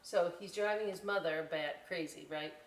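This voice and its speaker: A library story time host reads aloud to children in a fairly low voice at a moderate pace, playful and casual with chatty asides and frequent "right?" check-ins. The distant mic picks up reverb and faint background noise.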